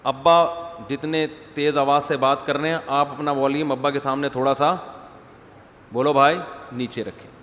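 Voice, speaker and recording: A man's voice: mid-range voice, flat delivery, a bit bright. Man preaching in a reverberant hall. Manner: informal asides and rhetorical questions to the audience; humorous wordplay. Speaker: religious scholar giving a lecture. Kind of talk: conversational religious lecture. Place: mosque gathering after night prayers. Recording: long hall reverb, faint background noise.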